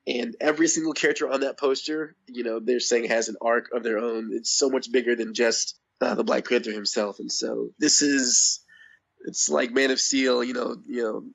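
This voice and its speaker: A man guest in a casual interview, hoarse with his voice going out, talking in a rambling, enthusiastic way. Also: mid-range voice, steady tone, moderate pace, a bit bright. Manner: rambling, enthusiastic, laughs often. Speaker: podcast guest. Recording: dull lo-fi audio.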